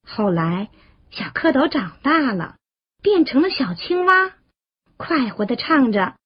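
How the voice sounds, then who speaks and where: A woman narrating a children's bedtime story with a high, sing-song voice that swoops up and down. She reads slowly with a slightly breathy tone, and the recording sounds a bit muffled. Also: sing-song.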